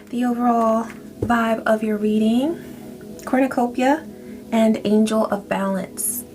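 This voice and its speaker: A woman with a gravelly, mid-range voice gives a spiritual tarot reading to her viewers. She speaks softly and affirmingly, drawing out her phrases, with background music playing.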